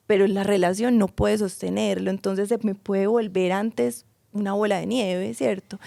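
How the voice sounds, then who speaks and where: A woman's voice: mid-range voice, gravelly, dark tone, no echo, clean studio sound. A woman, a psychologist guest explaining ideas in a podcast and checking that she is understood. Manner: checks understanding with tag questions.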